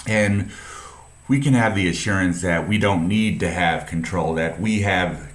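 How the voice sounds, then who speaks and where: Male preacher, very low voice, slow halting earnest delivery. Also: reverberant. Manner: halting, many restarts and fillers, earnest. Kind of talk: informal sermon retelling a Bible story.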